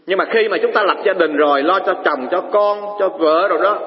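Male buddhist preacher telling a story, keeps asking the crowd questions, highish voice, long hall echo. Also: a little fast, lo-fi sound. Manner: animated storytelling, asks the audience questions. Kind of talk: dharma talk with a parable.

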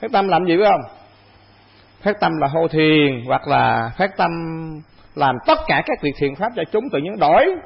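Gravelly high-voiced monk giving a talk. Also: male voice, very animated, measured pace, dull audio. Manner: conversational, rhetorical questions, repeats phrases. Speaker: Buddhist monk teacher. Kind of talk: dharma talk to monastic assembly.

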